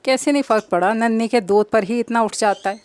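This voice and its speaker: A woman's voice: on the high side, fairly quick, darkish tone, clean tone, lightly acted. Woman reading an anxious elder sister. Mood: worried. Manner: anxious, pleading. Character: worried young mother, an elder sister.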